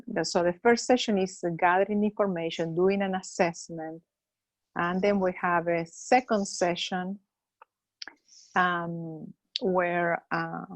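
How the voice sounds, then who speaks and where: Middle-aged counselor from Argentina, woman, low-pitched and unhurried, close dry recording. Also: dry recording. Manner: slow, hesitant, many fillers. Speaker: holistic counselor. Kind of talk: interview answers.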